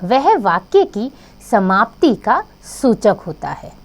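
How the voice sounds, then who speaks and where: Slow, lively-voiced woman teaching children. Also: medium pitch. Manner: slow, clear explaining to children. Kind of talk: children's grammar lesson.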